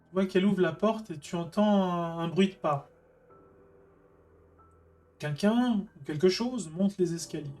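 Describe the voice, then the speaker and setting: Game master for a tabletop session, halting delivery, mid pitch, faint music underneath. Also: darkish tone. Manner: hesitant, frequent filler sounds.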